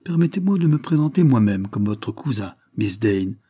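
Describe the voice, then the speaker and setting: A man reading the part of a frank, good-humoured young gentleman in an audiobook, with a light manner. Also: lowish voice, big pitch swings, normal speed, husky, no room sound, studio quality. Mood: cheerful.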